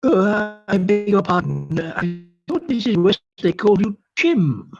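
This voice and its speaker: A woman's voice: medium pitch, animated, a little slow, lo-fi sound, music in the background. A woman playing a mild, polite clergyman in a stage play reading, flustered and hesitant. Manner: hesitant, deferential.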